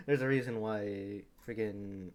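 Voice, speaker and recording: A man's voice: lowish voice, takes it slowly. A male streamer giving casual, joking commentary over a game, laughing often and swearing.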